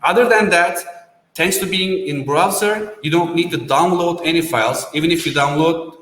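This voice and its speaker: Male co-founder, startup pitch, non-native English with restarts, roomy reverberant recording. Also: moderate pace, a bit bright. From Turkey. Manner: non-native phrasing, self-correcting restarts. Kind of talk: business pitch.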